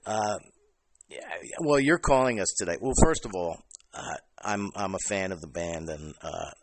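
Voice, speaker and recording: A man hosting a podcast interview, chatting casually and halting with fillers and restarts. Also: sits low, noisy background. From New Jersey. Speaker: podcast host.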